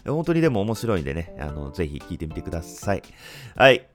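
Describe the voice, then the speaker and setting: A man in his thirties talks in a low, stuffed-up nasal voice, like someone with a blocked nose. He chats casually and haltingly as a solo podcast host. Faint guitar music plays behind him. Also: big pitch swings. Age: 30s. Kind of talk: casual solo chat with frequent pauses.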